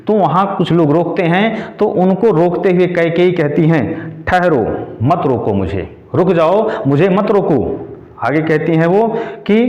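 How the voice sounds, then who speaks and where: A man teaching a poetry lesson, reading verse lines slowly and then explaining each one in plain words. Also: on the high side. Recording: echoey lo-fi room recording.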